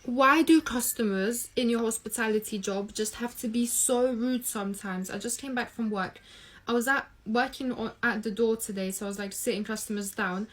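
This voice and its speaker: A woman's voice: a little high, normal speed. A woman who works as a restaurant host, casually retelling a work story in an exasperated way, full of quoted back-and-forth. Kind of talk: storytime monologue.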